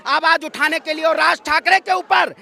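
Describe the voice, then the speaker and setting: A fiery male protester from Ayodhya, north India, has a very high-pitched voice that's gravelly, pushed, and bright, with fairly even intonation at a moderate pace. Standing at an outdoor protest site, he gives an impassioned political street interview, combative and declamatory, firing off rhetorical questions.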